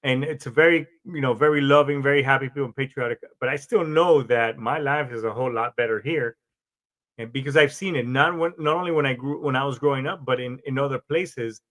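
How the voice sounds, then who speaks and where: A man's voice: medium pitch, a little fast, fairly bright tone. A man from Colombia, a Marine veteran, hosting a podcast in a rambling, casual monologue with frequent restarts and swearing.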